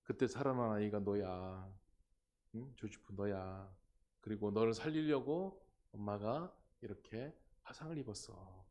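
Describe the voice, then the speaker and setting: A male pastor voicing a gentle mother who calmly and softly explains the past to her son in a lowered voice. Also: measured pace, lightly acted. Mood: tender. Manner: soft, calm, hushed.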